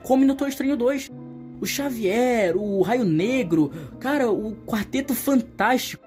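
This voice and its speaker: An extremely high-pitched, animated voice with a darkish tone, a little slow, belongs to a young man with a Brazilian Portuguese accent. He gives colloquial, opinionated video-essay commentary, emphatic when criticizing, as a voice-over with background music.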